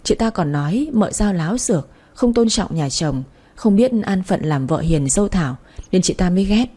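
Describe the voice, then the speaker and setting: Brief: woman storyteller, warm and mellow, steady dramatic narration. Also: on the low side, normal speed.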